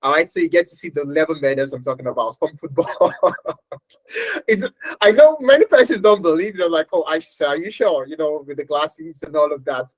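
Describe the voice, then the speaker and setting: A woman's voice: low voice, animated, a little fast, no echo, low-quality recording. A woman teaching a live online training session from her home workstation, chatty and often laughing as she checks in with her class.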